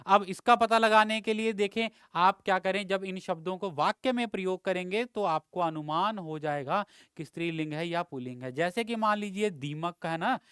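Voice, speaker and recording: A man's voice: high voice, fairly bright tone, clean tone, dry recording, studio quality. A man teaching an exam-prep grammar lesson, explaining step by step, quizzing his students and drawing out vowel sounds to show them.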